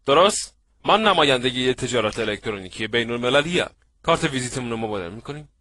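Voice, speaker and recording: A man giving an animated seminar lecture on networking, acting out little scenes and checking that his audience follows. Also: medium pitch, no room sound. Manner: lively, acts out little scenes, asks the audience if they follow. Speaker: networking trainer.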